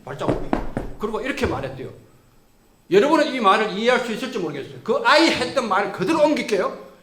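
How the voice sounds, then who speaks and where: A male lecturer tells stories to a class in a high, very lively voice that swings widely in pitch. He acts out the people he quotes. The sound is roomy, as in a lecture hall. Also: fast. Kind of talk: storytelling lecture. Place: lecture room.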